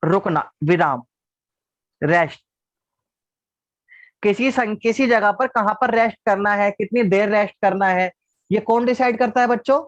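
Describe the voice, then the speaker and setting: A man's voice: high-pitched, a little slow, pauses often, no room sound. A man teaching an online class, patiently asking the class questions and answering them himself. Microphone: video call. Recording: dull lo-fi online class audio.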